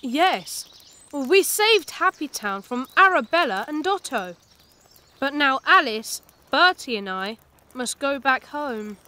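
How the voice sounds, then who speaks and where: A woman voicing an excitable little storybook creature in a children's cartoon, calling out eagerly. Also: sits high, takes it slowly, exaggerated voice. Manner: eager exclaiming speech.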